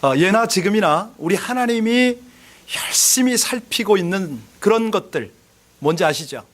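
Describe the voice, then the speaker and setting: Male pastor with a high voice, preaching earnestly, builds a story to emphatic peaks. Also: expressive, moderate pace, a bit bright. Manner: earnest, asks the congregation questions; storytelling, rising emphasis at key points. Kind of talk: sermon.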